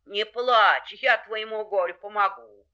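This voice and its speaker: A woman voicing a self-assured grey wolf who speaks slowly and howls. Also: bright, forceful tone, lo-fi sound. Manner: slow, low, howling.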